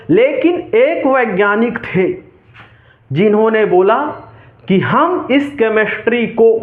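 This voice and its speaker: Chhattisgarhi male tutor, high voice, slow drilling delivery, tinny echoey room recording. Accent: Chhattisgarhi Hindi. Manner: call-and-response quizzing, repeats key answers. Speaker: teacher. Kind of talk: exam-prep chemistry lesson.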